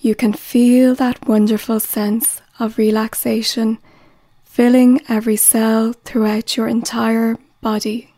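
A woman reading a guided relaxation script in a slow, soothing voice that often drops to a whisper. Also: a little high, flat delivery, dark tone, no room sound.

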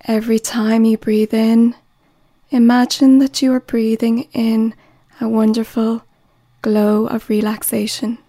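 Slow soft-spoken woman guiding relaxation. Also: on the high side, little pitch movement, dry recording, clean studio sound. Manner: slow, soothing, partly whispered delivery. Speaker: relaxation guide. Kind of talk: guided relaxation script.

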